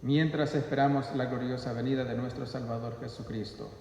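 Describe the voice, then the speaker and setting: Solemn priest in cathedral echo. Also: male voice, medium pitch, steady tone, fairly quick, vocal fry, darkish tone, slight background noise. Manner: solemn, formal recitation. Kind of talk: liturgical prayer and blessing. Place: large reverberant church interior. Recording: echoey church with long reverb.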